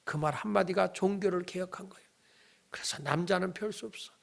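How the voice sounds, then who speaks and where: A middle-aged male pastor preaching a sermon. He tells stories dramatically, acts out the dialogue in them with shouts and whispers, and urges the congregation to respond. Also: sits high, a little fast, creaky.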